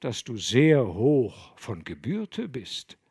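A man voicing a gentle, kindly old abbot who speaks in a soft, low, soothing voice. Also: wildly swooping pitch, slow, creaky, husky, no echo, clean studio sound, full character voice. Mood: earnest.

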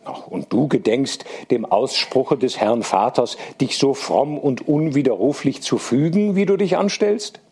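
A man voicing Karl, a bold and teasing young man of twenty, in a slightly husky voice, raised and insistent. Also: medium pitch, animated, measured pace, hardly any pauses, a little mellow. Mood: indignant.

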